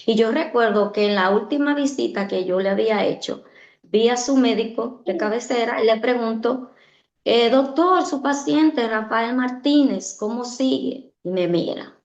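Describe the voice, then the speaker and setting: A woman's voice: a little high, moderate pace. A woman giving an earnest personal testimony in an interview, often repeating her phrases for emphasis. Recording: echoey, dull-sounding room.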